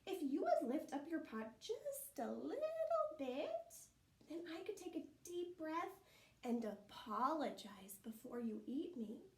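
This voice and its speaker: Little Brown Squirrel: a woman playing a tiny chirpy boy squirrel, very high, in an echoey room. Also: very animated, a little slow, exaggerated voice. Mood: pleading. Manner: squeaky chirping sing-song. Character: cheeky excitable young male squirrel.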